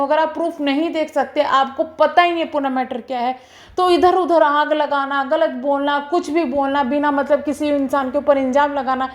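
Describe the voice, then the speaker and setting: A young woman vlogger talking to her viewers, defending herself in a defensive, emphatic, repetitive way. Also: high voice. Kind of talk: clarification vlog to viewers.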